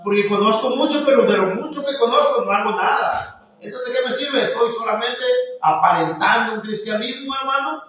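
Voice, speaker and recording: A man's voice: very high voice, fairly quick, bright, forceful tone, slight background noise. A man preaching a sermon in a conversational way, often calling his congregation brothers. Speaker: pastor. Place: church hall. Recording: echoey church hall, from far off.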